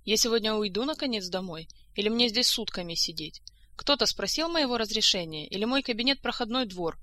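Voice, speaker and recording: A weary female doctor with a sharp tongue, voiced by a woman reading aloud. She grumbles in an exasperated way and wants everyone out. The reading has a mid-range pitch. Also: brisk, lightly acted. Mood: grumbling.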